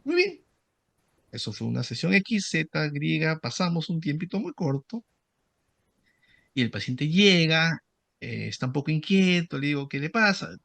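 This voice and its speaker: A man's voice: fairly high pitch, unhurried, vocal fry, pauses often, no echo. A middle-aged man, a psychoanalyst who explains cases in an interview and acts out the dialogue of his sessions. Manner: animated storytelling, acts out dialogue with patients. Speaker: psychoanalyst guest.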